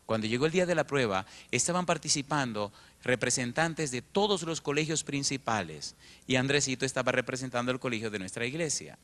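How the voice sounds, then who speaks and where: A middle-aged male pastor, telling a story in a sermon and acting out the dialogue with lively changes of voice. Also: medium pitch.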